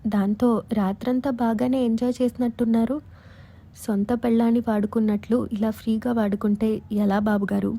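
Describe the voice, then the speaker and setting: A woman's voice: a little high, flat delivery, moderate pace, dark tone. A woman doing a greedy, demanding aunt. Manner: blunt, demanding. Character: greedy middle-aged aunt demanding money.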